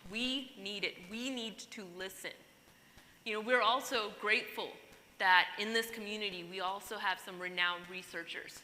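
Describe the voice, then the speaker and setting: A woman's voice: medium pitch, sharp tone. A woman from Pakistan, giving an earnest, emphatic keynote speech to a conference audience. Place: large conference hall. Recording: hall reverb, faint noise.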